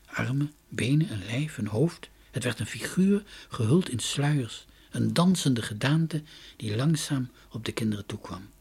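A man's voice: medium pitch, animated, measured pace, vocal fry, a little mellow, slightly rough. A man reading a children's story aloud expressively, sometimes dropping to a whisper.

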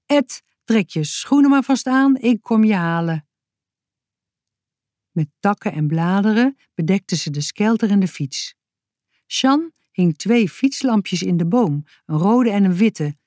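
A woman reads a children's story aloud, very slowly and calmly, in a low, mellow voice. The recording is dry and close, with no room sound. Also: no echo. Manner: calm, measured storytelling. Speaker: narrator. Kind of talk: reading a children's book aloud.

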